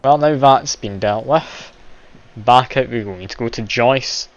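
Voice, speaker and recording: A man streams a game live, giving casual commentary, chatty, self-deprecating and often laughing as he plays. His medium-pitched voice keeps a measured pace. The stream audio is dull and lo-fi, with game music behind him.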